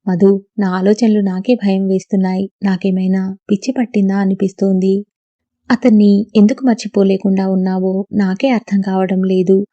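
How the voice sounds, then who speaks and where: A woman's voice: mid-range voice, level tone, moderate pace, mellow, dull audio, close to an everyday voice. A woman voicing a brooding, irritable young female college student who speaks curtly and sounds troubled. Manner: curt, troubled.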